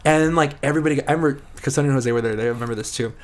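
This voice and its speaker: A young man co-hosting a podcast, telling stories in a casual, animated way full of fillers and restarts. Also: medium pitch, very fast. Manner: animated storyteller, lots of filler words and restarts. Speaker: podcast co-host. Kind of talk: casual chat.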